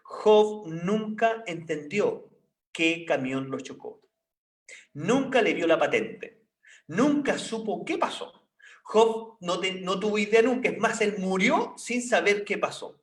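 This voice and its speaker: A man's voice: high voice, expressive, slow pace, echoey room, distant mic. A man preaching a sermon in a conversational way, often asking his listeners questions.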